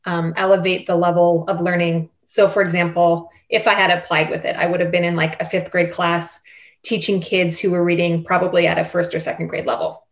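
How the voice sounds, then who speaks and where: A woman's voice: lowish voice, flat delivery, a little fast. A woman teacher talking about her seven years of teaching in an earnest, reflective way, with light laughs. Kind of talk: casual interview chat.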